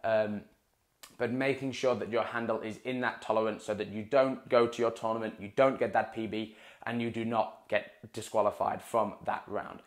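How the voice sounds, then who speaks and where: A man's voice: fairly low pitch, fairly even intonation, moderate pace. Young male coach, casual to-camera tutorial, repeats for emphasis; lapel mic, small room. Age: young adult. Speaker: water-ski coach. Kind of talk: instructional talk to camera. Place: small indoor room in front of a dark wall. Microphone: clip-on lapel mic.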